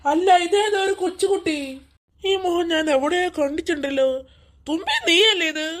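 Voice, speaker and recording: A high young voice putting on a cartoon dad. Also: normal speed, a bit bright. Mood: puzzled. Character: worried cartoon father coming home.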